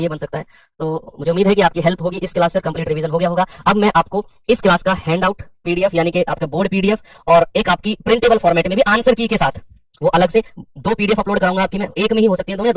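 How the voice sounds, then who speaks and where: A man teaching an online math revision class, working sums aloud and often correcting himself with a quick sorry. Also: high voice, dry recording, distant mic, rough recording. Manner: calls students bachche and bhai. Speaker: exam prep teacher.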